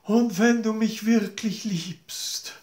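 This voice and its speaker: A man's voice: high voice, takes it slowly, darkish tone, voice pushed up. A man voicing a vain, jealous queen who sighs and pleads plaintively, in a storybook tale. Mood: scheming. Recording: roomy echo.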